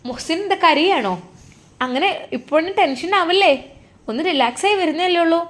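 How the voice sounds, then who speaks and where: A woman's voice: very high-pitched, animated, normal speed, a bit bright, pitched above the performer's own voice. A woman voicing a caring hospital nurse in a storybook tale, asking questions with concern.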